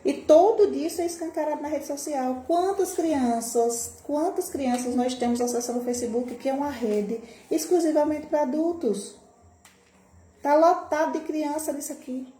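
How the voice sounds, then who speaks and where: A Brazilian woman educator hosting a live stream, talking with passion and rhetorical questions, sometimes jumping high to mimic scolding adults. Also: normal speed, warm tone. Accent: Brazilian Portuguese. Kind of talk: impassioned live-stream talk. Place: home room, recorded for a social media live. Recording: echoey room with faint background noise.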